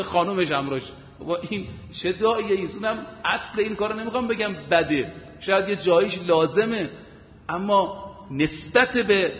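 A man giving an emphatic sermon, asking rhetorical questions and retelling stories with quoted voices. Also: high voice. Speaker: preacher. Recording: echoey hall, dull lo-fi sound.

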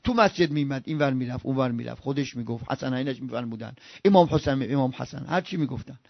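A man preaching an impassioned sermon. He swings from loud outbursts to hushed murmurs and chants scripture in a slow recitation. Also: medium pitch, gravelly, dry recording, lo-fi sound.

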